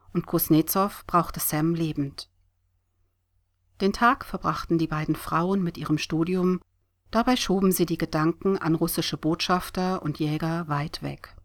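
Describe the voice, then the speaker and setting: A woman narrating an audiobook in a steady, expressive reading voice. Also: fairly low pitch.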